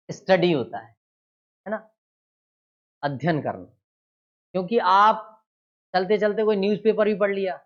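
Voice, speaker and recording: Guy teaching grammar for an exam, slow and deliberate, quizzes the class then answers himself, kinda muffled lo-fi sound. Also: sits high. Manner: asks questions and answers them himself, stresses key words loudly. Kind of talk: exam-prep grammar lesson.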